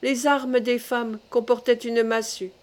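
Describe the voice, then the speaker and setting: A woman reading a prehistoric adventure novel aloud in a measured storytelling manner. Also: fairly high pitch, flat delivery. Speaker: audiobook reader. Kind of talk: scripted narration of a novel.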